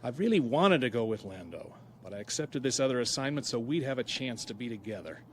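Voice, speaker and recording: A man's voice: medium pitch, expressive, brisk, a little hiss or hum, close to an everyday voice. Han Solo, roguish, wry space smuggler played by a man. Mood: wry, restless. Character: roguish ex-smuggler husband, wry, restless, romantic. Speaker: actor in an audio drama. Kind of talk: dramatic radio-play acting. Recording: music bed behind the voice.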